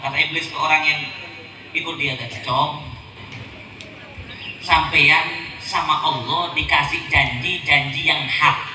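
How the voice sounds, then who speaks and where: Preacher doing a low sneaky devil guy, taunting, roomy echo. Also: steady tone, unhurried, long pauses, pushed and bright, a little hiss or hum. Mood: mocking. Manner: taunting, calls listener "Cong". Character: scheming male devil, mocking and sly. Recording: roomy, distant mic, faint ambience.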